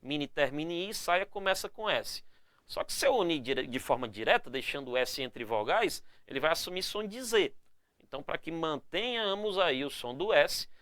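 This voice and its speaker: Man, grammar teacher, energetic spelling lesson, high and lively voice, dry close sound. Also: no room sound. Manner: energetic, calls the viewers "galera" and "moçada", ends phrases with "né?" and "tá?"; stretches out key words slowly to stress them.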